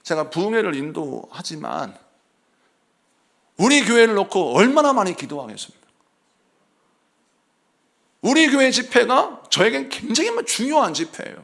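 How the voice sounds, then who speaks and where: Brief: middle-aged male pastor, high gravelly voice, fiery revival sermon with quiet asides. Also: normal speed, long pauses. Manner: animated preaching, jumps between shouts and soft asides; jokes and laughs with the congregation. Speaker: senior pastor. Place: church sanctuary.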